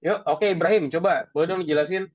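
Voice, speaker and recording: A man's voice: sits high, fast talker, dry recording, highs cut off. A man teaching a class in a chatty way, asking the students questions and addressing them as friends. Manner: chatty, asks the class questions, says "teman-teman" often. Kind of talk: classroom lesson.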